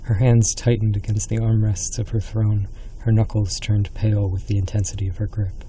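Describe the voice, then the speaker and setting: A man's voice: on the low side, level tone, moderate pace, warm tone, slight background noise. A man reading a scripted horror story as a dramatic narrator.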